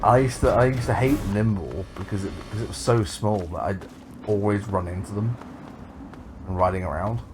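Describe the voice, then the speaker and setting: Low-ish guy streaming, rambles and swears, music playing underneath. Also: moderate pace. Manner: rambling, trails off and restarts, swears casually. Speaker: game streamer. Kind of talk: casual livestream chat.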